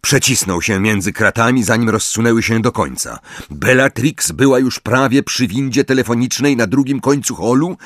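A man narrating an audiobook in a dramatic, expressive reading. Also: mid-range voice, normal speed, dry recording, clean studio sound. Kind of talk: scripted narration.

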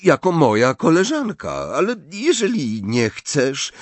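A man's voice: on the high side, wildly swooping pitch, a little slow, no echo, pitched above the performer's own voice. A man voicing an awkward, flustered teenage schoolboy wizard who stammers and hesitates.

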